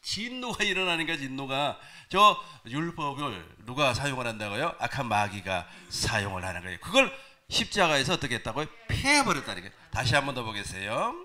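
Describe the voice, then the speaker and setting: A male pastor preaching a sermon to his congregation, animated, asking them questions. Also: medium pitch, fairly quick. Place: church sanctuary.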